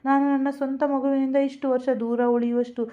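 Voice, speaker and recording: A woman's voice: high-pitched, little pitch movement, brisk, pitched above the performer's own voice, close to an everyday voice. A woman voicing a heartbroken young man who pleads with a choked, tearful voice. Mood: pleading. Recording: dull lo-fi recording.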